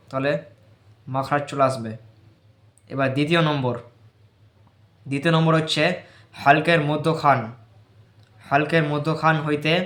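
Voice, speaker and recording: Man, patient teacher, flat slightly high voice, echoey room. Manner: explains patiently, repeats letter sounds loudly for practice. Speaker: teacher of Quran letter pronunciation. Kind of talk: informal recitation lesson.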